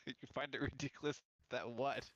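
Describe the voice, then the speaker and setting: A man's voice: medium pitch, steady tone, moderate pace, a bit bright. A young man chatting casually with friends over voice chat, laid-back. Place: online voice chat.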